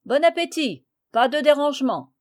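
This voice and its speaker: Gruff loyal peasant man, blunt and mocking, storybook reading, voiced by a woman. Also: a little high, normal speed, darkish tone, no echo, studio quality, close to an everyday voice.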